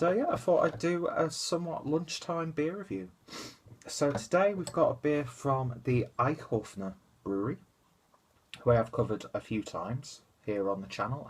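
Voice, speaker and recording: A young man with a stuffy, congested nose and nasal voice rambles through a beer review on a webcam in a small room at home. His mid-range voice comes through with a little hiss or hum, and he chats casually, full of fillers and asides.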